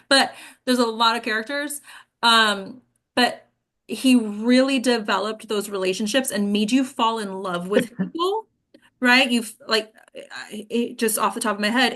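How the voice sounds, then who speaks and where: Using a mid-range, slightly bright voice, a woman leads an actors' table read, reading the script and chatting with the group in an informal, encouraging way.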